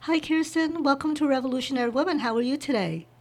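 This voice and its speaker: A woman hosting an interview podcast, reading a scripted guest introduction and then asking questions in a soft, encouraging way. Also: high-pitched, quick pace. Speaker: podcast host.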